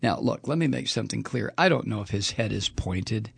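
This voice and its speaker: A man's voice: fairly low pitch, animated, fairly quick, vocal fry, husky, no echo. A man hosting a political talk show, reading news items and mocking them with sardonic, profane commentary and frequent laughter.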